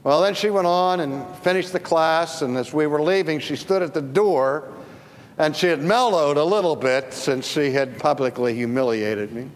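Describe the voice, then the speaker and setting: A man preaching a sermon, telling a personal story with slow, emphatic phrasing and dramatic pauses. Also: fairly high pitch. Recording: reverberant hall with faint ambience.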